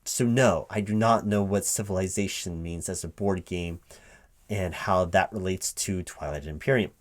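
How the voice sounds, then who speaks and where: In a one-sided spoken ASMR roleplay, a deep-voiced man plays a recruiting interviewer who halts and repeats his words, sounding baffled and exasperated. A computer keyboard clacks in the background.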